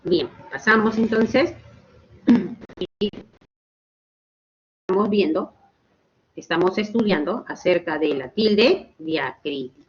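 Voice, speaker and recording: A woman teaching a grammar lesson online, explaining slowly and checking in with her students. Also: lowish voice, animated, highs cut off. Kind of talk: online class lecture.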